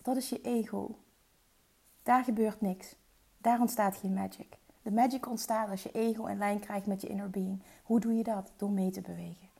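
A woman's voice: mid-range voice, fairly even intonation, normal speed, creaky, darkish tone, breathy edge. A woman entrepreneur giving an earnest motivational coaching talk, mixing in English phrases and sometimes dropping to a whisper. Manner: mixes English phrases into her speech.

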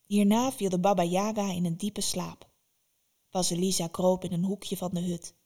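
A woman narrating a fairy tale in a lively, expressive storytelling manner. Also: medium pitch.

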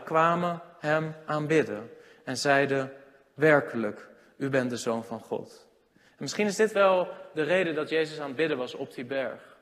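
Guy preaching a sermon, kinda high voice, gets loud then real quiet, big reverby hall. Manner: swings from loud emphatic lines to hushed low ones.

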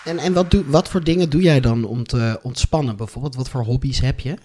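A woman's voice: a bass voice, brisk, mellow, faint music behind. A young woman co-hosting a podcast in casual chat, playful and teasing, arguing her side. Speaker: podcast co-host.

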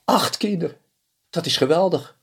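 A man voicing a young male fiddler who gets excitable and jumps high in pitch. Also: normal speed, slightly rough. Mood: excited. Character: young male fiddler, cheerful and easily alarmed.

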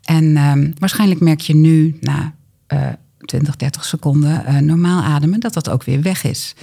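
A woman with a soft, breathy voice calmly giving unhurried instructions for breathing exercises, as a guest breathwork coach. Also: deep voice.

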